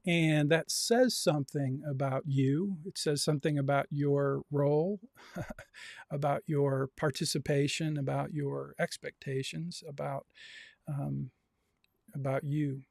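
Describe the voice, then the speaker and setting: A man's voice: fairly high pitch, creaky, a little mellow, dry recording, clean studio sound. A man teaching a livestreamed university class, reading out students' comments and coaxing more answers. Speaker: university professor.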